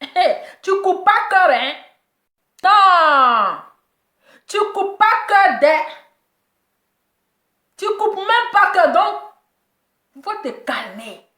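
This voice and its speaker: A woman delivers a mocking gossip rant in a high, bright-pitched voice, teasing and repeating her jokes with laughter. The sound is echoey, as if recorded in a bare room. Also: lively intonation, very slow, long pauses. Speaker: commentator reacting to celebrity gossip.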